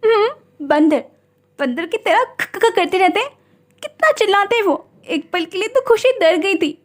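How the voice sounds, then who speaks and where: Lady putting on a squeaky innocent little girl, chatty and sweet, storybook vibe. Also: moderate pace. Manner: sweet, childlike, lively. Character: innocent chatty seven-year-old girl.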